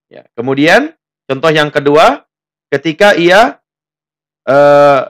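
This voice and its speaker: A man's voice: fairly high pitch, a bit bright. A man from Indonesia teaching a tajwid lesson, explaining rules plainly and tagging his sentences with a questioning "ya". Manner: plain explanations, then slow drawn-out chanted recitation of the example verses; often tags sentences with "ya". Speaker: Quran recitation teacher.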